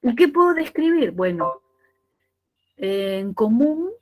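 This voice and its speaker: A woman giving a pre-university language lecture, explaining step by step with rhetorical questions and drawing out key terms slowly. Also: a little high, big pitch swings, soft background music. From Peru. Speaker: language teacher.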